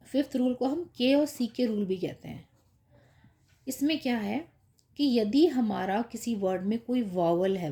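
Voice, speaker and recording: Lady teacher going slow thru spelling rules for little kids, higher voice, keeps asking "ok?". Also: warm tone. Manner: patient, repeats with "ठीक है" and "है ना" checks.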